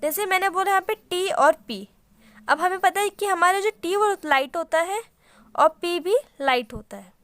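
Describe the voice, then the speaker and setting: Woman tutor, high voice, dry close recording, step-by-step explaining. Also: normal speed, fairly bright tone, no echo. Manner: explains step by step, mixes English terms into Hindi. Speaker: shorthand teacher. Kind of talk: casual Hindi-English tutorial.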